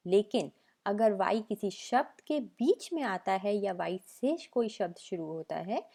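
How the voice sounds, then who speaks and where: A woman's voice: medium pitch, expressive, unhurried, creaky, warm tone. A young woman teaching French letters as a patient tutor, saying each sound twice. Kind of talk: slow language lesson narration.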